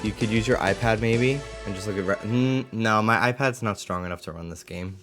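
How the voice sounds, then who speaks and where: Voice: medium pitch, brisk. A game streamer giving casual live commentary while playing. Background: faint game music.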